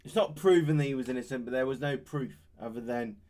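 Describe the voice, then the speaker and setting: A man's voice: mid-range voice, fast talker, a little mellow, a little hiss or hum. A man co-hosting a paranormal channel. He chats casually with short replies and announces the next show. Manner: brief interjections, plugs upcoming shows. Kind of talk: casual chat.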